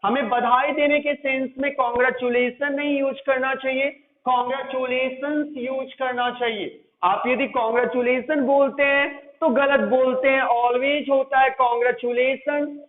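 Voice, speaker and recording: A man with an Indian accent leads a grammar lesson, correcting mistakes and repeating the right forms over and over. His voice sits very high. The sound is tinny and phone-like, with a roomy echo around him. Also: little pitch movement, measured pace. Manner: repetitive, correcting and drilling. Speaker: English teacher. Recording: echoey room over a tinny lo-fi line.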